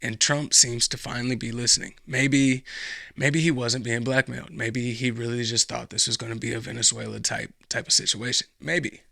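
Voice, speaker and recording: A man's voice: medium pitch, flat delivery, moderate pace, gravelly, bright, forceful tone, no echo, clean studio sound. A young American man giving casual political commentary as a podcast host, rambling and often restarting his sentences. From United States. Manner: rambling, repeats himself, frequent restarts.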